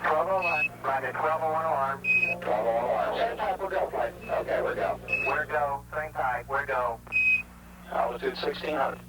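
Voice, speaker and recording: A man's voice: medium pitch, normal speed. A man giving terse, clipped callouts over a crackly space radio transmission with beeps, heard as an archival recording. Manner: clipped, matter-of-fact readouts. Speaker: astronaut and mission control radio callouts.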